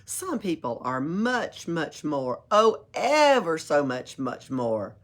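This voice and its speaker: Speaking slowly in a low-pitched voice, a woman reads a rhyming picture book for library storytime. Her reading is playful and expressive, sprinkled with chuckles and small asides of her own.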